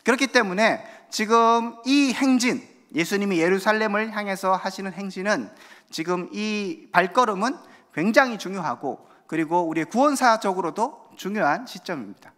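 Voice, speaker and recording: Lively high-voiced male pastor preaching. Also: normal speed. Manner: lively preaching with rhetorical questions, acts out crowd voices. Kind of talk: sermon. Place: church sanctuary. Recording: long church hall reverb.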